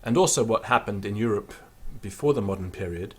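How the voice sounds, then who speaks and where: A Latin teacher with a fairly low, slightly rough and somewhat bright voice gives a spoken pronunciation lesson in an offhand, unscripted manner, with plenty of small fillers and restarts. Every so often he pauses to sound words out slowly and deliberately as a demonstration for his students.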